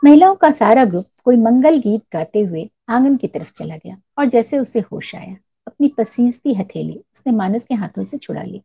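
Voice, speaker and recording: Female narrator, calm measured story reading, warm gravelly tone. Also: fairly high pitch. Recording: dull lo-fi recording.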